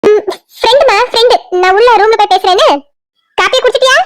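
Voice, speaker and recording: Woman doing a scolding village mother for a cartoon, Kanyakumari Tamil accent, very high voice, dry sound. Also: fairly bright tone, no room sound. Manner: scolding, brisk.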